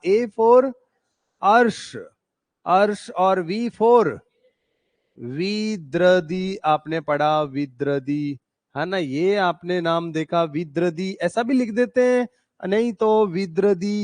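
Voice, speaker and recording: Guy teaching ayurveda class, high voice, slow and repeats every word, little tinge, dry sound. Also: no echo. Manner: repeats terms slowly, spells out mnemonics; chatty, asks students questions. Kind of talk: classroom lecture with memory tricks. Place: coaching classroom.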